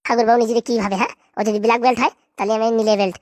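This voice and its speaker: A woman's voice: on the high side, steady tone, a little mellow, dry recording, natural voice. Woman doing a scheming cartoon prankster boy. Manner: fast, mocking, scheming asides to viewers. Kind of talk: cartoon voice acting.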